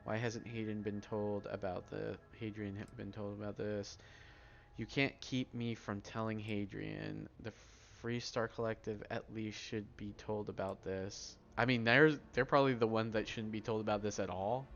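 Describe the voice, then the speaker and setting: Low-voiced man doing casual game commentary. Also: little pitch movement, a bit bright. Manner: rambling, informal, halting asides. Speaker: gamer playing and commenting. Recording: dull microphone, faint background noise.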